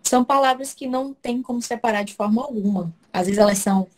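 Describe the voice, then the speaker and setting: A woman's voice: fairly high pitch, fast, darkish tone. Lady teacher on a video call lesson, walks through it step by step, keeps checking the class is following. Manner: explains step by step, checks in often with "né?" and "ok?". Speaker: Portuguese teacher. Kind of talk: online class lecture.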